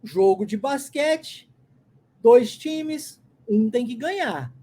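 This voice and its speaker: A woman's voice: fairly high pitch, animated, warm tone. Brazilian woman teaching English phrases. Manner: explains patiently, models phrases slowly with rising intonation. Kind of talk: language lesson.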